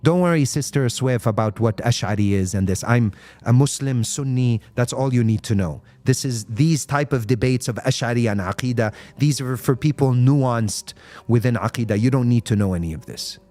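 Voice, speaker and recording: Soft music plays behind a man whose voice is mid-range and warm, delivered at a normal speed. As an Islamic speaker on a live stream, he talks with passion about faith, answers viewers' comments, and mixes Arabic phrases and rhetorical questions into his English.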